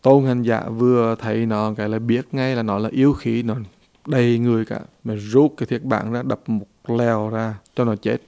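Gravelly male Buddhist teacher telling a story. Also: mid-range voice, little pitch movement, normal speed, warm tone. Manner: folksy, addresses listeners directly. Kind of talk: storytelling dharma talk.

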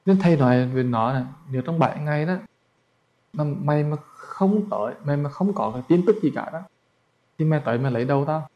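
A man's voice: on the high side, quick pace, lo-fi sound. A man, a Buddhist monk telling a story as a sermon in a colloquial, chatty way. He stumbles over repeated words and speaks straight to his listeners.

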